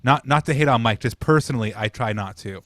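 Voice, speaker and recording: In clean studio sound with no room echo, a man with a mid-range, slightly bright voice talks fast. Co-hosting a podcast, he's laid-back and chatty, telling stories and swearing now and then.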